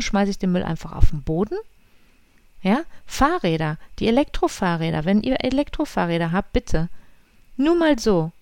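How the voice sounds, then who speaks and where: A woman's voice: mid-range voice, gravelly, no echo, studio quality. A woman vlogging outdoors in a forest, casually telling her viewers a personal story and acting out the lines people said. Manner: lively retelling that acts out quoted dialogue.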